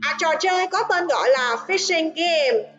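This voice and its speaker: A woman with a Vietnamese accent, an English teacher in a recorded online lesson, reading quiz items slowly and carefully. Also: extremely high pitch, animated, a bit bright, highs cut off, faint music behind.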